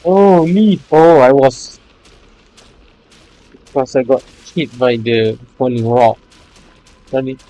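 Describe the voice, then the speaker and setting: Here the game's narrator and player speaks at mid-range pitch with a warm tone, going slowly and pausing often. He trips over some of the lines he reads, repeats phrases and adds offhand remarks, all on a low-quality recording.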